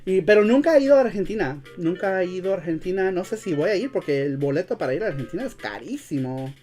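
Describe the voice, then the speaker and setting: A man who grew up in Los Angeles hosting a casual live-stream chat, speaking slangy Mexican-style Spanish learned as a second language, with English as his native tongue, often pausing to search for words. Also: sits high, lively intonation, warm tone, faint music behind. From United States, grew up in Los Angeles. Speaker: show host.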